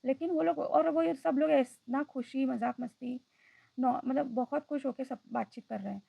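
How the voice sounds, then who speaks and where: A woman's voice: high-pitched, normal speed, creaky, warm tone, husky, no echo, low-quality recording. A woman vlogger telling a personal story in a reflective, hesitant way, often slipping into English phrases.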